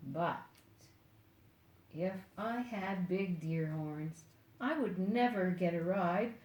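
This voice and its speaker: An older woman reading a children's book aloud expressively and deliberately, playfully speaking straight to young listeners. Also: lowish voice, darkish tone, echoey room. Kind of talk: expressive picture-book read-aloud with asides.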